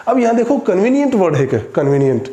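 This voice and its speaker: A man's voice: high-pitched, big pitch swings, warm tone. Man teaching spelling, echoey room. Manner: spells words out letter by letter, slow and deliberate. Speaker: English teacher. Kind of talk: classroom spelling lesson.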